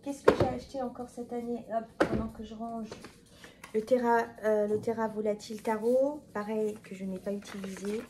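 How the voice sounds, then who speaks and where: A woman's voice: fairly high pitch, fairly even intonation, normal speed, noisy background. A woman chatting casually to her viewers, rambling with fillers and self-corrections. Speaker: tarot video creator. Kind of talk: casual talk to camera.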